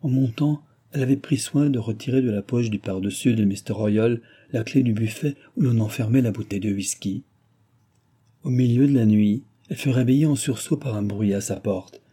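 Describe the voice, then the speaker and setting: Dark, husky male audiobook narrator. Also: medium pitch, moderate pace. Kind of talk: scripted narration of a novel.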